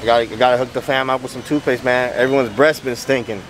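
A young fitness vlogger jokes around in slang while shopping in a big warehouse store, his medium-pitched voice steady and quick. Noisy store ambience fills the recording.

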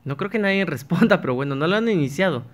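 This man's voice sits on the high side, expressive and quick. Playing a game on YouTube, he chats casually to himself and his audience, frequently breaking off and beginning sentences again.

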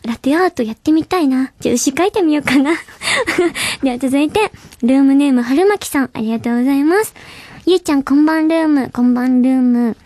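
A young woman hosts a radio program, chatting casually about listener mail with a bubbly, giggly manner. Her voice sits high. The studio sound is close and dry. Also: fairly quick, a little mellow, dry recording. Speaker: radio show host. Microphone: studio mic.

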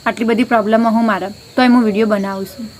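A woman's voice: fairly high pitch, steady tone, fast, a little mellow. A woman chatting casually to the camera on a village rooftop as a family vlogger, talking into a handheld phone and filling her talk with friendly little filler words. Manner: chatty, keeps adding a friendly filler word.

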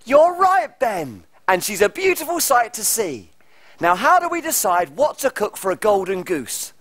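An actor playing a tiny, excitable, cheerful cook, speaking in an exaggerated, animated children's TV storytelling manner. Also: male voice, sits high, normal speed, no echo, exaggerated voice. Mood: excited. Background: music.

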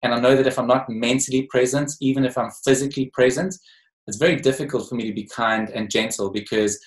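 A man talks in a casual interview as a coach, voice sitting at an ordinary middle pitch. He is reflective, often pausing with ums and starting phrases over. The sound carries a noticeable room echo. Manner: reflective, many ums and restarts. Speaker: guest coach. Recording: echoey room.

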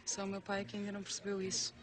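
Actress as a gentle young Portuguese bride, quick-spoken. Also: female voice, mid-range voice, completely flat delivery, music in the background, close to an everyday voice. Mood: encouraging, glad. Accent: European Portuguese. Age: young adult. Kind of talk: television soap drama acting.

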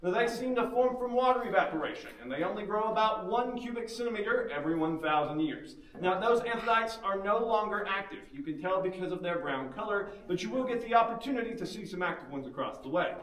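A tour guide talks in a light, joking way. His fairly high voice rings with cave echo and is picked up from a distance in a big underground chamber. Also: expressive, fast, few pauses, a bit bright. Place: inside a large underground cave.

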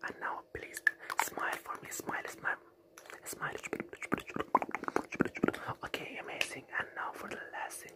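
Young man in fast, aggressive whispered role-play. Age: young adult. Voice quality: breathy unvoiced whisper. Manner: rapid, insistent, repetitive whispering. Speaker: ASMR performer playing a makeup artist.

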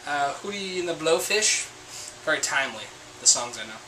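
A man's voice: fairly high pitch, lively intonation, moderate pace, background noise. A young man in his twenties chatting casually to his webcam in a small room, rambling and self-deprecating. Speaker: vlogger. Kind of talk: casual chat to camera.

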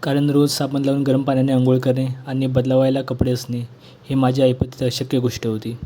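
A man reading a school textbook lesson aloud in a plain, measured way. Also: medium pitch, completely flat delivery, warm tone.

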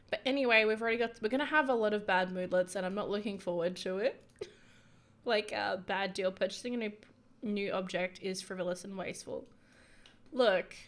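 A woman giving casual, chatty commentary over life-sim gameplay, excitable, with frequent whispered asides. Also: medium pitch. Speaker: gaming YouTuber.

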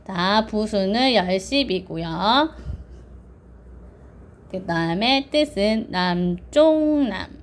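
A woman's voice: medium pitch, animated, very slow, long pauses, a little hiss or hum. A woman teaching children online, patiently counting strokes aloud and drilling pronunciation.

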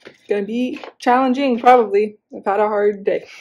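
A woman vlogging in a casual, rambling way, a little hoarse as she is losing her voice, with self-deprecating asides and many fillers. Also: mid-range voice, fairly even intonation, moderate pace, a little mellow, dull audio, slight background noise. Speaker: beauty vlogger. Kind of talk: casual chat to camera.

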